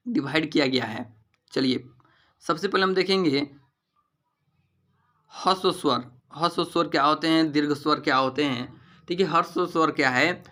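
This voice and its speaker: A man's voice: a little high, bright, forceful tone. A man teaching an exam-prep grammar lesson, repeating each point back to students as a question.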